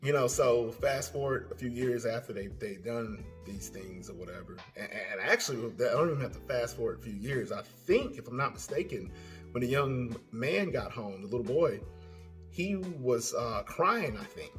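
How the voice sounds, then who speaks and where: A man's voice: medium pitch, lively intonation, moderate pace. Channel host, male, mid-range voice, hesitant off-the-cuff commentary over light guitar. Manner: rambling, hesitant, many fillers and restarts. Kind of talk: casual spoken commentary.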